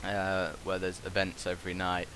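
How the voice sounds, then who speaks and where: A man's voice: sits low, completely flat delivery, normal speed, a bit bright, low-quality recording. A young British man giving a casual, hesitant, meandering commentary into a gaming headset, like a student chatting to his viewers. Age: young adult. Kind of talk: casual rambling vlog commentary. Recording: constant buzzing, hissy background noise. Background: constant buzz and hiss.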